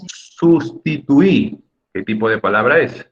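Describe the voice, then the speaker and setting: A man with a low voice teaches an online class, patiently explaining rules and checking in with his students. His intonation rises and falls with lively energy. The video-call audio sounds dull and lo-fi. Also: unhurried.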